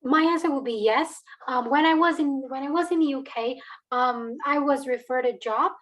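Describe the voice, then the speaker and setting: High-voiced woman, hesitant and chatty. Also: moderate pace, a bit bright, poor audio. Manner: hesitant, many fillers and restarts. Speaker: alumna guest. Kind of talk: casual interview answers.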